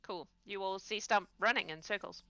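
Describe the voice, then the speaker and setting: A woman's voice: mid-range voice, normal speed, pushed and bright, no room sound. A woman acting as game master, narrating a tabletop game casually and off the cuff, often giggling through her sentences.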